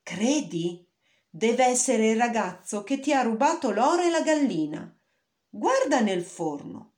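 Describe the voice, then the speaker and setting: A woman doing an ogre's quick, sly wife. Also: big pitch swings, darkish tone. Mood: dismissive. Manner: fast, high, brisk. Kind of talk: storybook reading.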